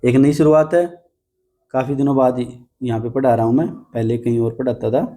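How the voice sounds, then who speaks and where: Man teaching vocabulary, coaxing and dark-voiced. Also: mid-range voice, fairly even intonation, a little fast. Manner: coaxing, repeats "ठीक है बेटा", playful mnemonics. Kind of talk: classroom vocabulary lesson.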